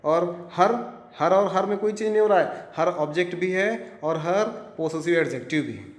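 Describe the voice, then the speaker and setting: A man's voice: sits high, normal speed. A male teacher with an Indian accent, giving a grammar lesson and drilling word lists by repetition while checking that students follow. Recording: echoey room.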